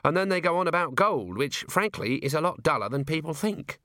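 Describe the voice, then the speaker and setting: A man's voice: a little high, sing-song, fairly quick, bright, forceful tone, dry recording, studio quality, voice pushed up. A man voicing an earnest, timid young female dwarf in a raised, hesitant voice. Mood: earnest, fretful.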